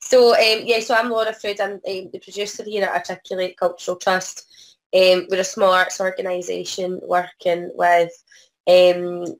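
Scottish woman w a croaky cold voice, bit low and flat, hesitant presenter on a video call. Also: normal speed, poor audio. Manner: hesitant, apologetic, frequent self-interruption. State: has a cold. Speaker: presenter, arts organisation producer. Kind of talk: informal online presentation.

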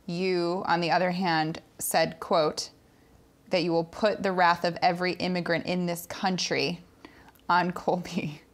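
A woman's voice: lowish voice, flat delivery, unhurried. A young woman hosting an interview show, asking questions in a conversational style. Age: young adult. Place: indoor living-room style studio set.

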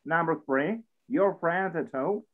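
Male language teacher, slightly raised pitch, phone-quality audio, patient explainer with tag questions. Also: slow pace. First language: Russian. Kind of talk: online English class taught in Spanish. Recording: tinny phone-like audio over a call.

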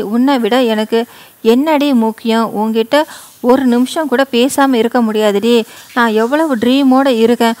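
A woman's voice: a little high, lightly acted. Woman reading a loving, scolding young husband. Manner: coaxing, teasing endearments.

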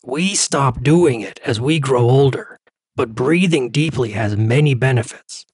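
A calm male therapist leads a breathing exercise in a slow, soothing storybook voice, as a man reading the story plays him. His tone is husky and unhurried. The sound is close and dry. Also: medium pitch, dry recording.

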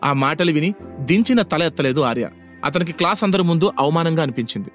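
A man's voice: on the high side, expressive, quick pace, soft background music. A man narrating a scripted audio story in a dramatic storytelling manner.

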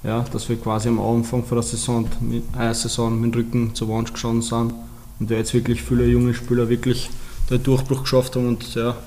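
A man's voice: mid-range voice, brisk. A young man answers interview questions. His voice stays strikingly level, with little rise or fall. A faint hum of ambience sits behind him. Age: 20s. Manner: even, flat delivery with many fillers. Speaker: footballer.

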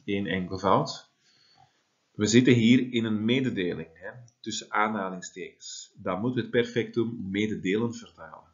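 A man's voice: fairly low pitch, muffled recording. A man, teaching a Latin translation lesson and explaining step by step with frequent tag questions. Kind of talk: classroom lesson.

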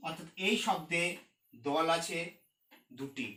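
Bright high-voiced male teacher, echoey room. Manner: explains slowly, repeating key terms. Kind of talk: recorded classroom lesson.

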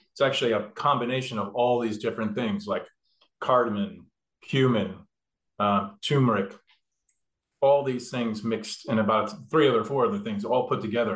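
This casual cooking demo features a man with a brisk, somewhat bright, medium-pitched voice. He goes through the recipe step by step, often restarting and using fillers, and the kitchen has an echoey sound.

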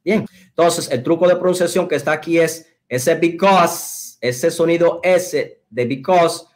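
A man teaching English pronunciation online, speaking deliberately and repeating phrases for students. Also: a little high.

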